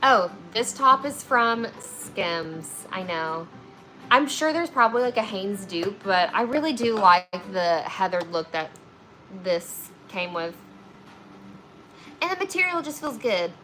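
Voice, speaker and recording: A flower preservation artist in her twenties speaks slowly in a mid-range, sharp voice with lively intonation, on low-quality audio with a faint hiss or hum. Chatting with livestream viewers as she works, she reads their comments and fills her talk with "like" and "okay?".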